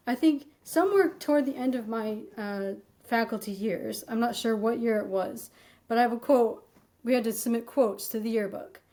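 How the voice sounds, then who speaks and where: A woman with a high, bright-pitched voice tells her own story as an interview guest. She talks in an animated, unpolished way, peppering her speech with fillers and acting out the exchanges she recalls. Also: low-quality recording. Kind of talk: candid personal account in an interview.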